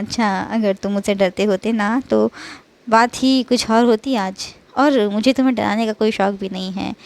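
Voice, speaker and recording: A headstrong young wife with a quick, teasing tongue, voiced by a woman narrator. She fires back blunt, playful retorts in an audiobook romance. Her voice sits at an ordinary middle pitch for a woman. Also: close to an everyday voice.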